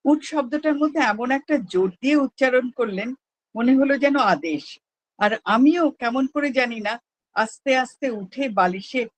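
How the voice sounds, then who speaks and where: A person reading a personal memoir aloud at a prayer gathering, in an unhurried, measured storytelling manner. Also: medium pitch, rough recording.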